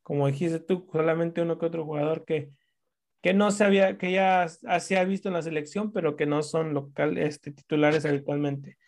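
A man hosting a casual sports talk show, animated and swearing casually as he restarts sentences. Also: on the high side, normal speed.

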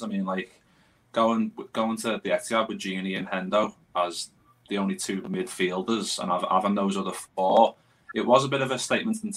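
British man, podcast host, lowish pitch, husky, casual and loosely phrased. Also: fairly bright tone, low-quality recording. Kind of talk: casual football chat.

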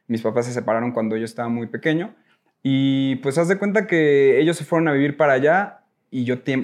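As the interview guest, a Mexican man with a mid-pitched voice shares his own stories informally. He often rambles and corrects himself as he goes, in a casual, personal storytelling style.

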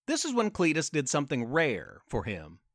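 A male storyteller narrating a podcast tale with playful asides. His voice is on the high side and rises and falls with great life. The recording is close and dry, with no room around it. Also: wildly swooping pitch, normal speed, fairly bright tone, no echo.

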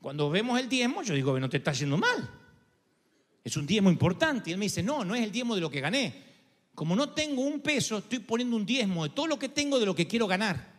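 Argentine male pastor, high tenor, sermon with quoted dialogue, reverberant sanctuary. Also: big pitch swings, brisk. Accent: Argentine Spanish. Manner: preaching, swinging between low intimate asides and loud climaxes. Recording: long hall reverb.

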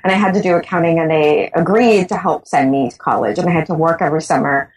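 A woman's voice: low-pitched, quick pace, husky, poor audio. A woman from the Bahamas, a guest scholar answering interview questions thoughtfully and often restarting her sentences. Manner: thoughtful, restarts sentences while searching for words.

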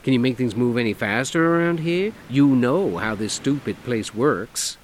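A man's voice: medium pitch, animated, moderate pace, a little hiss or hum, voice pushed up, close to an everyday voice. Man putting on a camp lawyer. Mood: sassy. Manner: camp, sassy, drawling and emphatic.

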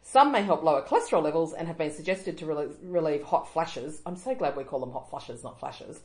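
A low-pitched, middle-aged woman chats loosely on a podcast, wandering between thoughts and trailing off. Her voice carries a noticeable room echo. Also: expressive, fairly quick. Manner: chatty, rambling, trails off mid-sentence. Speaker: podcast co-host. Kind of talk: casual chat. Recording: roomy echo.

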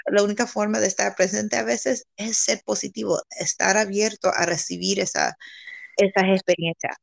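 A woman's voice: medium pitch, gravelly, no room sound. A woman from California talking as a guest, earnest and upbeat, mixing English and Spanish and laughing often. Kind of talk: casual bilingual interview chat.

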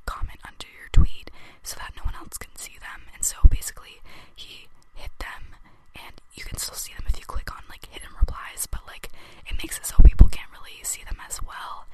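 A woman's voice: moderate pace, rough recording. A young woman hosting a podcast, whispering close to the mic in a casual, self-deprecating gossip style with lots of filler words. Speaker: podcast host. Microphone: close studio mic, tapped at times.

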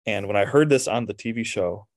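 A young man co-hosts a casual podcast in a somewhat low voice. He tells stories in a relaxed, easygoing way. The sound is dry and close, with no room behind it. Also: brisk, dry recording. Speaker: podcast co-host.

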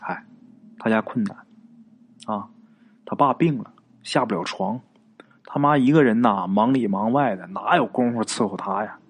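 A man doing a soft-spoken old grandfather. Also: on the low side, normal speed, pauses often, breathy edge. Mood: sighing. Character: old village grandfather, calm and sympathetic.

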